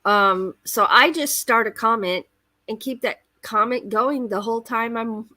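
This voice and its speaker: Female host, casual livestream chat, expressive and unhurried, bright tone in a dry close sound. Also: on the high side, dry recording. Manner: expressive, rambling storyteller. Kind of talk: casual chatty livestream monologue.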